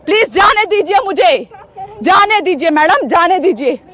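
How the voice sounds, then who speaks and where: High-voiced insistent woman reporter. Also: animated, moderate pace, fairly bright tone, some chatter behind. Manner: insistent, repeats demands; emotional, voice breaking at times. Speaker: field reporter. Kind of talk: live news field report. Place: outdoors at a police barricade.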